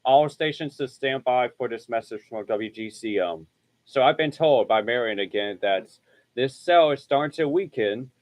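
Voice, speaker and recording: A man hosting amateur live severe weather coverage, relaying terse radio-style updates in a halting way, often repeating and restarting his phrases. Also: medium pitch, slight background noise. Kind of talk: improvised live storm coverage commentary.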